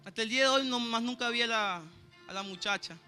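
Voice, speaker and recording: High, bright-voiced Venezuelan man preaching. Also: fast, faint music behind. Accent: Venezuelan Spanish. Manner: earnest, keeps asking "¿sabe, hermano?". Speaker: church pianist preaching. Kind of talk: sermon with personal testimony.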